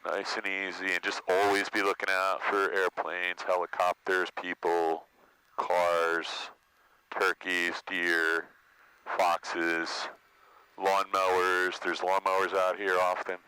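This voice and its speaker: Low, bright-voiced man instructing in a cockpit. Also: monotone, takes it slowly, smooth. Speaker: flight instructor. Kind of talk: step-by-step cockpit instruction and checklist callouts. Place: small airplane cockpit. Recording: noisy aircraft cockpit, radio-like sound. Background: engine and cabin noise.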